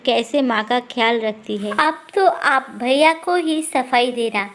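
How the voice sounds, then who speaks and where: A scheming young sister-in-law with a sharp, accusing tongue, as a woman storyteller puts her on. The voice sits high and bright for a woman, and every line is a jab. It belongs to a homespun family story read aloud. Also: measured pace, close to an everyday voice. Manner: accusing, taunting.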